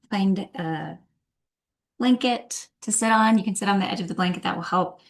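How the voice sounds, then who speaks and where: A woman leads a yin yoga class as the teacher. She gives instructions in a gentle, soothing way and takes her time between cues. Her voice sits at a medium pitch. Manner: gentle, soothing, unhurried guidance.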